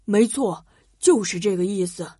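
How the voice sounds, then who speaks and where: Storybook dad, patient and gentle, lowered mellow husky voice, read by a woman. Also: unhurried, no echo, clean studio sound. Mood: coaxing. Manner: gentle, explaining. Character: patient cheerful father, adult man. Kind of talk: children's storybook narration.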